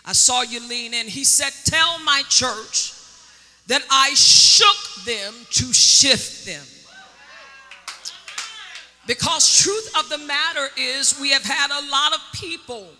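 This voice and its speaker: Speaking as a prophetess, a woman preaches with a high-pitched, bright and forceful voice. She elongates key words for dramatic weight and leads the congregation in call-and-response, while the sanctuary's long reverb echoes through the recording.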